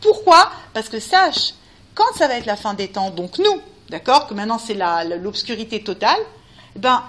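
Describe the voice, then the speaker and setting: Woman teacher, high-pitched, lively preaching, addresses listeners directly. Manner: animated, talks to listeners directly, rising to cries. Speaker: Torah teacher. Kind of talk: spirited religious talk.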